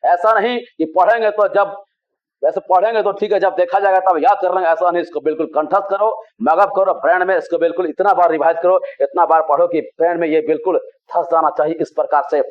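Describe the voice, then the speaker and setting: A man teaching a spoken English class, explaining grammar slowly and spelling words out letter by letter. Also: sits high, fairly even intonation. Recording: dull lo-fi sound.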